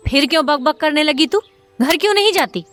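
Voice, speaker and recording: A woman's voice: sits high, normal speed, dry recording, faint music behind, close to an everyday voice. A woman voicing a weary, restrained middle-aged peasant man who sternly scolds.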